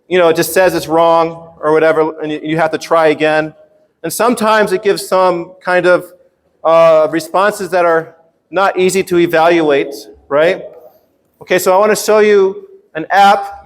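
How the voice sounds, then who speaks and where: A man teaching English in a casual, playful workshop style, often checking in with his students as he explains. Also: high voice. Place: large reverberant room at a university workshop. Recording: echoey hall with long reverb.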